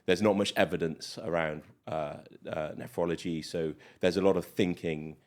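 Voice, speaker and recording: Middle-aged British man, very low voice, chatty interview guest, lots of fillers. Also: fairly even intonation, normal speed. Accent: British English. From Malawi. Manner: chatty, many fillers, rambling. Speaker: guest doctor. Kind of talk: casual interview chat.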